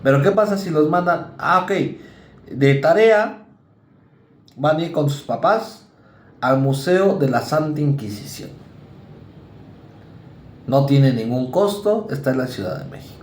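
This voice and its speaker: A university lecturer with a Mexican Spanish accent teaches a psychology class in a conversational style, briefly acting out students and parents. His voice is fairly high and expressive, and the sound is roomy.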